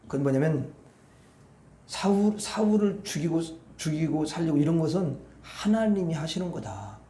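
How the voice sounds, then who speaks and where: High-voiced man preaching conversationally. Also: dark tone, roomy sound. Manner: conversational, keeps asking the congregation to agree. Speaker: pastor. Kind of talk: sermon. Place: church sanctuary.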